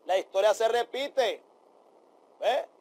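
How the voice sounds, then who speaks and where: A man's voice: high voice, expressive, takes it slowly, darkish tone. A man teaching a Bible study, fervent and peppering his talk with amén and aleluya as he addresses his brothers. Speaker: preacher.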